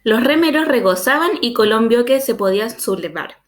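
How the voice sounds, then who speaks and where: A woman's voice: a little high, animated, moderate pace. A woman reading a children's audiobook, telling the story plainly in a child's first-person voice. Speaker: audiobook reader.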